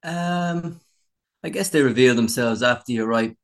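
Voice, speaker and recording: An Irish musician in his forties chats casually in an interview, wry and self-deprecating. His voice is medium-pitched and unhurried.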